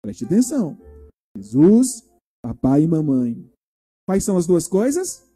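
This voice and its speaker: A man's voice: a little high, a little slow, breathy edge, faint music behind. A male pastor giving a children's sermon in a church, retelling a story and asking the children questions as he goes. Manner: animated, asks the children questions.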